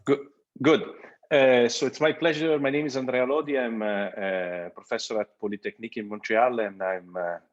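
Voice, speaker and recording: A man who is a professor, speaking haltingly on a video call as he searches for words. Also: medium pitch, fairly even intonation, lo-fi sound. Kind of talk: academic talk on a video call.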